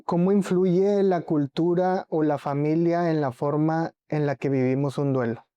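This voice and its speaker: A man's voice: fairly high pitch, steady tone, a little slow, warm tone, smooth, dry recording, muffled recording. A man interviewing a guest and asking short, reflective questions.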